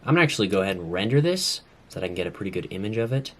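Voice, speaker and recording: A man talking viewers through his build in a relaxed, casual way as he works. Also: on the low side, rapid-fire. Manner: relaxed, talks to viewers while working. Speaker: YouTuber building on screen. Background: loud background music.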